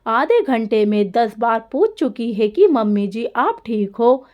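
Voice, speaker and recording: A woman's voice: a little high, big pitch swings, unhurried, dull audio. A woman voicing an irritable older mother-in-law who snaps and scolds when her rest is disturbed in a spoken story. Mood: complaining. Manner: snappish and scolding.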